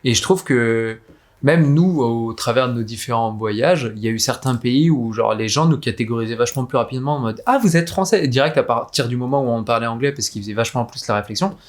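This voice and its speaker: A man co-hosts a podcast, musing in a loose, rambling way through casual conversation. He leans on slang and fillers. His voice sits at a middle pitch for a man. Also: fast. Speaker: podcast co-host.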